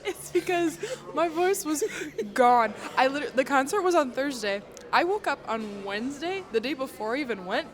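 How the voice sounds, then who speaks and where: Slightly hoarse young woman, giggly. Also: high-pitched, expressive, normal speed. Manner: giggly, filler-heavy. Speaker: podcast co-host. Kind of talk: casual chat. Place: in the US Midwest.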